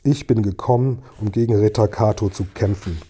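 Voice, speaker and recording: A man reading an audiobook and voicing a brave young boy who speaks firmly and clearly. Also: fairly low pitch, normal speed, warm tone. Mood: determined. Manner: firm, clear, resolute.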